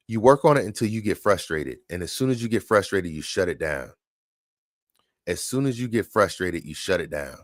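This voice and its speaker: Deep-voiced man chatting on a livestream. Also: no echo, clean studio sound. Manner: relaxed, chatty, repeats points. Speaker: livestream host, dog trainer. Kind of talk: casual livestream chat answering viewer questions.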